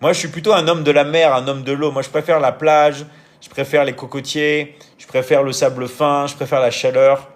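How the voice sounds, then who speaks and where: A man's voice: a little high, little pitch movement, moderate pace. A man hosting a casual live stream, answering viewer comments in a hesitant way, with frequent fillers and restarts, and often checking in with his audience. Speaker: live-stream host and coach.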